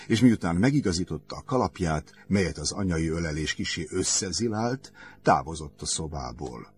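A man with a very deep voice narrating an audiobook. His reading is measured and gently ironic.

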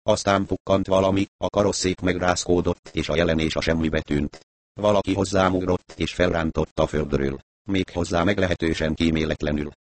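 A man reading a novel aloud as narrator, doing the dialogue in one even voice and raising it for shouts. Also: low voice, no echo. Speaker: audiobook narrator. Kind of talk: scripted narration.

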